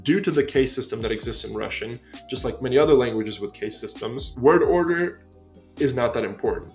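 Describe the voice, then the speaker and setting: American dude in his 20s doing a language review vid, upbeat explainer tone, soft music behind. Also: medium pitch. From United States. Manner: upbeat and explanatory, stressing key points slowly. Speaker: language-learning video host.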